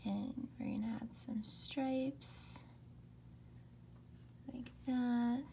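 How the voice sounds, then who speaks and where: A young woman leads an ASMR painting tutorial, speaking slowly and softly into a close mic and often dropping into a whisper. Her low, mellow voice is steady, with a gravelly, fry-laced edge, and she never hurries. A faint hiss runs beneath her voice.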